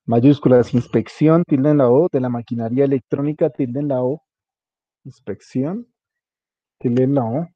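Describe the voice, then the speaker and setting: Mellow and a little slow, a man's medium-pitched voice walks a student through a web page setup. As the instructor, he coaches informally, step by step, spelling out the small details. There's no echo, and the highs are cut off.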